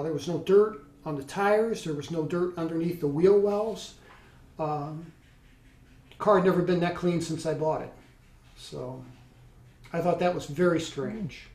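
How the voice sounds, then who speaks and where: A middle-aged man recounting a past experience in a halting, conversational way, with many restarts. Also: fairly high pitch, darkish tone. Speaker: interview guest recounting experience. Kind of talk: conversational storytelling. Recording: roomy, distant from mic.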